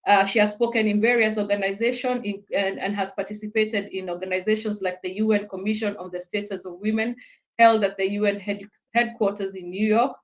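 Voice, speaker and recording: A woman's voice: mid-range voice, fairly even intonation, brisk, lo-fi sound. Hesitant woman hosting a live online chat. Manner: hesitant, many fillers and restarts. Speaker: host.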